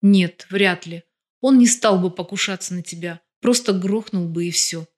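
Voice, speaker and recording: A woman reading an audiobook, voicing a sharp-tongued wife with a blunt, ironic manner. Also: on the low side, normal speed, close to an everyday voice. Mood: serious.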